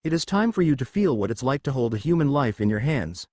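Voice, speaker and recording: A man's voice: mid-range voice, sing-song, quick pace, mellow, no echo, clean studio sound. A man voicing a stern adult exam announcer in a read-aloud story. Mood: formal.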